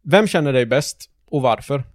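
A man's voice: medium pitch, expressive, no echo. A young man co-hosting a podcast in casual chat, asking questions and often stammering as he restarts his thoughts. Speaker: podcast co-host.

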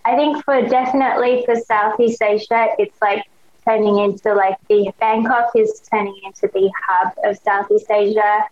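Speaking at normal speed with a slightly mellow, mid-range voice and fairly even intonation, a young Australian woman chats as a podcast guest. She's enthusiastic and slangy, filling her casual talk with "like." Lo-fi, dull audio.

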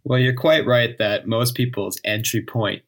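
A man's voice: medium pitch, steady tone, a little slow. A man speaking as a guest historian, explaining in an interview conversation.

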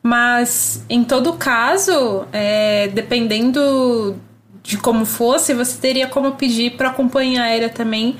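A woman's voice: on the high side, takes it slowly. A woman with a Brazilian Portuguese accent, co-hosting a podcast, who listens sympathetically and explains things matter-of-factly. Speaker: podcast co-host. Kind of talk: casual chat.

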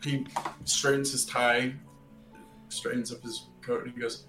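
A man's voice: medium pitch, little pitch movement, measured pace, roomy sound, music in the background. A man running a tabletop game as game master, describing the characters' actions step by step.

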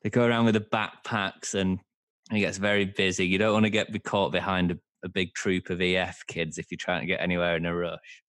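Man, Bradford accent, lower-pitched voice, podcast host, casual interview chat, dry close recording. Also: level tone, a little fast, fairly bright tone, no room sound. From Bradford, England.

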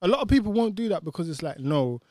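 A man's voice: high voice, expressive, rapid-fire, a little mellow, dry recording, clean studio sound. A man with a British urban roadman accent, chatting casually in street slang and arguing his point emphatically. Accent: British urban street (roadman) English. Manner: emphatic, argumentative, repeats tag questions.

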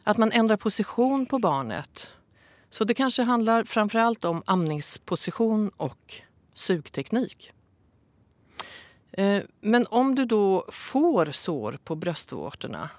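A woman calmly explaining breastfeeding advice in a casual podcast talk, with some fillers. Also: medium pitch, no echo.

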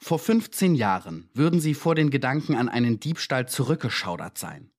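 A man voicing a calm, uncanny visitor. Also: mid-range voice. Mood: cool. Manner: calm, measured, coolly accusing. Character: calm uncanny male visitor, judging and foretelling.

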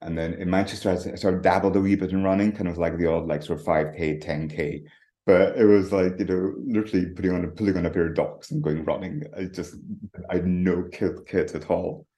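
A middle-aged man from the Highlands of Scotland with a Highland accent, chatting informally and loosely as an interview guest. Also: steady tone, a little fast, mellow. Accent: Scottish Highland. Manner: informal, hedging, conversational. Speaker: interview guest, retired professor. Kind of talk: casual interview talk. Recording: roomy, echoey sound.

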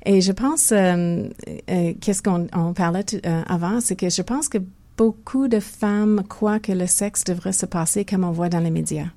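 Warm-toned older Québécoise explaining patiently. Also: female voice, fairly low pitch, measured pace. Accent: Québécois French. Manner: thoughtful, many restarts and hesitations. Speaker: physiotherapist guest. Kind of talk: conversational interview.

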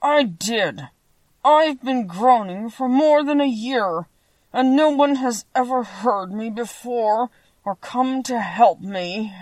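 A woman voicing a polite, mournful man made of rusty tin, speaking in a slow, earnest, drawn-out way for a storybook. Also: a little high, very animated, no echo, pitched above the performer's own voice. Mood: plaintive, pleading.

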